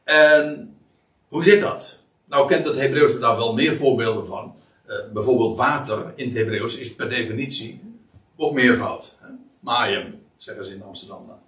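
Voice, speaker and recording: Recorded with a distant mic in an echoey room, a Bible teacher with a mid-range, fairly bright voice explains a Bible passage at normal speed. He works through it hesitantly and exploratively, with frequent fillers and restarts.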